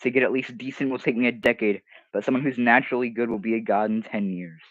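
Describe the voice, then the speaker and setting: A man's voice: mid-range voice, fairly even intonation, fast, no room sound, dull audio. Young man rambling through a mocking livestream. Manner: rambling, mocking, restarts mid-sentence. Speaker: streamer. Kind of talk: casual livestream commentary reading comments.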